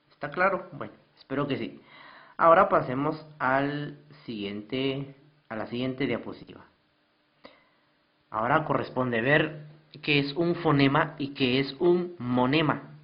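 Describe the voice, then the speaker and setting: A man's voice: mid-range voice, lo-fi sound. A man teaching a recorded slideshow lesson, patiently repeating definitions and asking his students questions.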